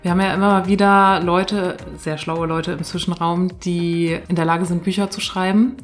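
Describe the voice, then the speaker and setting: A woman hosting a podcast interview from a living room, talking in a relaxed, friendly way with frequent fillers. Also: on the low side, moderate pace, soft background music. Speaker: podcast host. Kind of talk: casual conversational interview.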